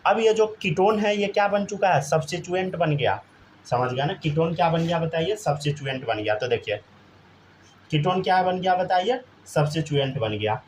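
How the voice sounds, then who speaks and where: Male chemistry teacher, slightly high voice. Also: animated, brisk, a little hiss or hum. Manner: keeps asking students to answer, often says "theek hai". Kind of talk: live classroom lesson.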